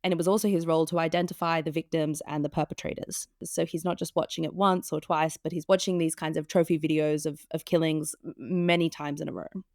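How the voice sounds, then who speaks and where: A woman's voice: deep voice, little pitch movement, brisk, few pauses, dry recording, studio quality. A woman hosting a podcast, talking in a thoughtful, reflective way and leaning often on small fillers. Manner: thoughtful, with many soft fillers. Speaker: podcast host.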